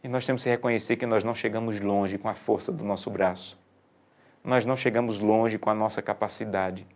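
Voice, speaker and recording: A man pastor preaching a sermon, swinging between loud emphasis and soft, intimate appeals. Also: fairly low pitch, fairly even intonation, brisk.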